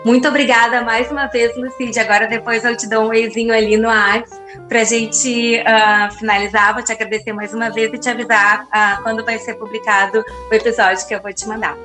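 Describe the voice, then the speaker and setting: A woman's voice: fairly high pitch, flat delivery, fairly quick. A woman hosting a podcast interview in a casual way, asking long rambling questions full of fillers. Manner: rambling, warm-thanking, fillers like "né" and "assim". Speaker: podcast host. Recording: roomy echo with light music.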